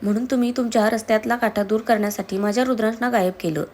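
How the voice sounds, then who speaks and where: A woman's voice: fairly high pitch, fairly even intonation, racing, a little mellow, natural voice. Fierce accusing young woman, read by a woman. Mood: furious. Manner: heated, accusing. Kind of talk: storybook reading.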